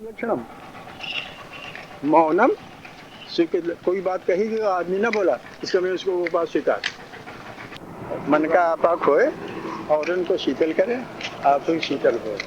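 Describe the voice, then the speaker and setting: Guy with a pretty high voice giving a spiritual talk, chuckles a lot, dull lo-fi sound w faint hiss. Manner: chuckling often, drawn-out teaching cadence, repeats phrases. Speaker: spiritual teacher. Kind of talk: spiritual discourse. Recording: dull lo-fi recording, faint noise.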